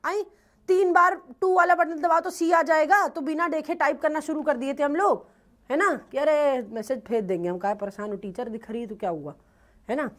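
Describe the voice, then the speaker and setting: A young woman giving an English lesson, quizzing her students with quick rhetorical questions. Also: sits high. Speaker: English teacher for bank exams. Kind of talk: classroom lecture.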